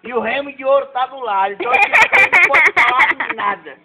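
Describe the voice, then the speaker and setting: A man's voice: very high voice, big pitch swings, fast, very noisy. A man in his forties trading teasing jokes in casual banter, often repeating himself. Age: 40s. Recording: tinny phone-like recording.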